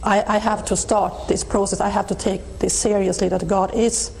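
A middle-aged woman from Sweden with a Swedish accent, speaking English as a guest in an interview, reflective and thoughtful, with frequent restarts and soft laughs. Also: medium pitch, flat delivery, normal speed, creaky, rough recording. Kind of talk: reflective personal testimony.

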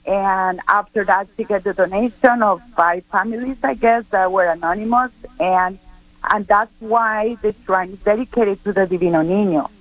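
A woman's voice: mid-range voice, no echo, poor audio. Earnest middle-aged woman from Costa Rica. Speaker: guest speaker. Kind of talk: radio interview chat.

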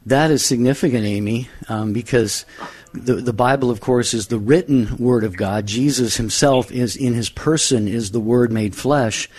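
A man co-hosting a call-in radio show, speaking in a measured, reverent way about scripture. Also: mid-range voice, a little mellow, slightly rough, dry recording. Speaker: radio co-host.

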